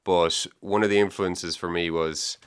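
A low, resonant Irish male voice in relaxed conversation. He talks in loose, winding sentences full of restarts and repeated words. The sound is smooth and full. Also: measured pace. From Ireland. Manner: rambling, repeats words, many fillers. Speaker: debut novelist guest. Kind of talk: casual interview chat.

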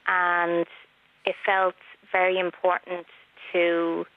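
A middle-aged woman calling into a radio show over a cordless landline phone, speaking softly and in a measured way. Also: on the low side, monotone, no room sound. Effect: landline phone line. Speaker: caller. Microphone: cordless house phone. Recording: tinny landline phone line.

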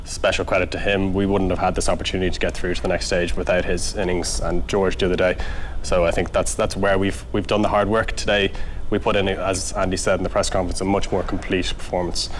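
A man's voice: deep voice, little pitch movement, quick pace. A young Irish man, an international cricketer, answering questions in a post-match interview. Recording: faint outdoor background noise.

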